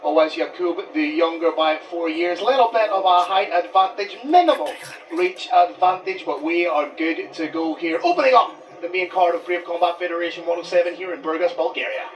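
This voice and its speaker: A man gives fluent, informative play-by-play commentary before a fight. His voice is fairly high. He is heard from a bit off the mic, with clear noise behind him. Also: animated, fairly quick, distant mic, lo-fi sound.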